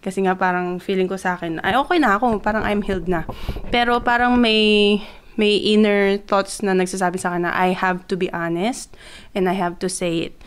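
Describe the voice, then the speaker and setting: A young Filipina vlogger with a smooth, clear, middle-pitched voice shares a personal testimony at a moderate pace. Switching between Tagalog and English with plenty of fillers, she gets more excited as her casual story unfolds.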